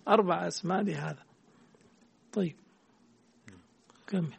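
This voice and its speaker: A man's voice: high voice, unhurried, gravelly, breathy edge. A man teaching a hadith text in class, quizzing his student and correcting the readings.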